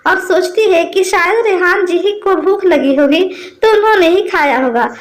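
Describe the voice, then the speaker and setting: A woman narrating a moral story for bedtime in a lively, expressive way. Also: very high voice, normal speed.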